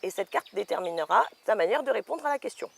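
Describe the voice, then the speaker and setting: A woman's voice: medium pitch, expressive, quick pace, gravelly. A woman hosting a chat show, cheerful and giggly as she leads a game. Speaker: host. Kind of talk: casual chat show interview.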